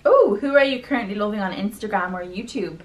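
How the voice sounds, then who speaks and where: A woman's voice: mid-range voice, quick pace, highs cut off. A young woman, co-owner of a beauty business, chatting in an easygoing, giggly way with lots of "like" and "um". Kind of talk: casual Q&A chat. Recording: slightly distant mic with faint noise.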